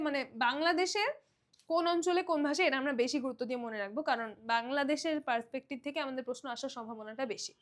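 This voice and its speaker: Teaching an online exam-prep grammar lesson, a young Bangladeshi woman speaks in a high voice. Her explanations are loose and conversational, sprinkled with English words, and she often pauses to make sure her students are keeping up.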